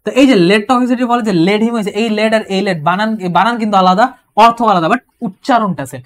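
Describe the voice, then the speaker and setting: A woman gives an exam-prep English lecture, explaining patiently, repeating key points and reading example sentences slowly. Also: medium pitch. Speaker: English tutor.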